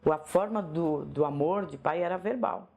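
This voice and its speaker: A woman writer with a Northeastern Brazilian accent, reminiscing in a soft, unhurried way and often tagging her phrases with a questioning "né?". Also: on the low side, vocal fry. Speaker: writer interviewed in a documentary. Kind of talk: reflective personal reminiscence.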